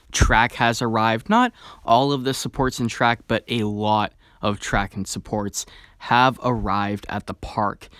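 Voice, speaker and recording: A man talking in an excited, chatty way as a theme park vlogger, sharing strong opinions in video commentary. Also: medium pitch, clean tone, no room sound.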